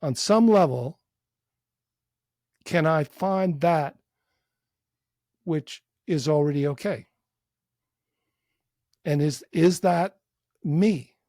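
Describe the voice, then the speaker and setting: A man who works as a psychotherapist, guiding a short meditation in a calm, unhurried, gently inviting voice with long pauses. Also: on the high side, no room sound, clean studio sound. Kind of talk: guided meditation within a podcast interview.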